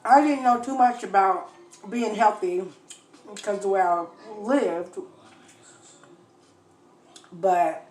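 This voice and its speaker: A woman's voice: mid-range voice, darkish tone. A young woman chatting casually to viewers as a mukbang host, chewing while she talks. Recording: echoey room with faint noise. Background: faint household noise, children in background.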